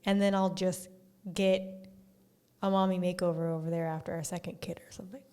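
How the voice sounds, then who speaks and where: A woman's voice: lowish voice, level tone, brisk, warm tone, clean tone. Chatty, frank woman co-host. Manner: chatty, frank, laughs easily. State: pregnant. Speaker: podcast co-host. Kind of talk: casual chat.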